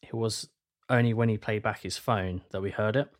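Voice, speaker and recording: A man's voice: on the low side, fairly even intonation, moderate pace. A man telling a ghost story casually, rambling with fillers and restarts.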